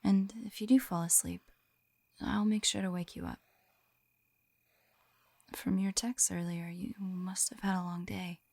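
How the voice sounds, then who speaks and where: In an intimate ASMR roleplay, a young woman plays a gentle, shy lamia on a first date, speaking softly and often whispering in a hesitant, tender way. Her soft, breathy whispers blend with low murmurs, recorded close to the microphone with a dry sound and no room noise. The mood is soothing and affectionate.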